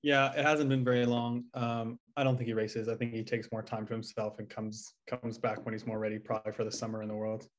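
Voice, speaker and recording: A man's voice: mid-range voice, little pitch movement, fairly quick, few pauses. A man co-hosting a podcast in casual chat, rambling with lots of fillers and casual swearing. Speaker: podcast co-host.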